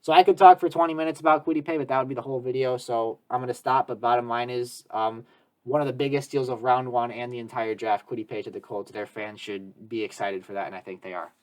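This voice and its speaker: A man's voice: mid-range voice, steady tone, fast. Eager, talkative man hosting sports talk. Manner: eager, talkative, emphatic analysis. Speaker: podcast host. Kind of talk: casual sports discussion.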